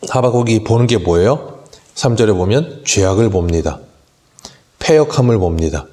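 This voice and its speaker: A man's voice: fairly low pitch, expressive, normal speed, warm tone, a little hiss or hum. A male pastor preaching an expository sermon at a dawn church service, earnest and full of rhetorical questions.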